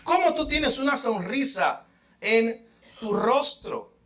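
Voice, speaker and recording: A man's voice: very high voice, animated, slow, a bit bright, exaggerated voice. A man voicing a stern ancient Roman governor in a sermon story, speaking in a commanding way. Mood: demanding. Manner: commanding, demanding.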